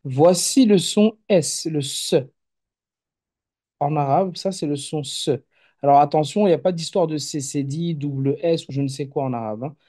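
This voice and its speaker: Patient man teaching, mellow voice. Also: fairly high pitch, a little fast, hardly any pauses. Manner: patient, explanatory, frequent fillers and restarts. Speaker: Arabic reading teacher. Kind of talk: online masterclass lesson.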